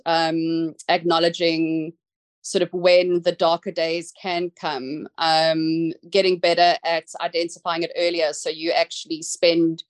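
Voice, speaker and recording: A woman's voice: low voice, flat delivery, a little slow, dry recording. Reflective woman guest on a call. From South Africa. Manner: reflective, many ums and restarts, laughs easily. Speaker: podcast guest. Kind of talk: casual interview chat. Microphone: video call.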